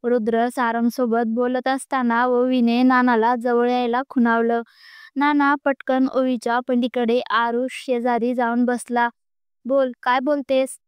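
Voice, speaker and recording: A woman reads a romance story aloud in a steady narrating voice. Her pitch sits high and barely moves, and the sound is crisp and dry, close to the mic. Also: a little slow, no echo. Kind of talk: scripted narration.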